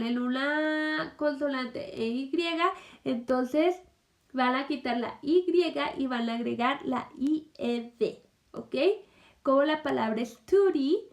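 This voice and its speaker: A woman teaching a recorded English lesson to children, explaining patiently and checking in with "ok?" again and again. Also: sits high. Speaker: primary school English teacher.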